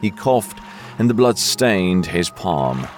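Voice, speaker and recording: Male narrator, deep and slow, lively intonation, soft music bed. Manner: slow, expressive reading. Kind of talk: storytelling narration.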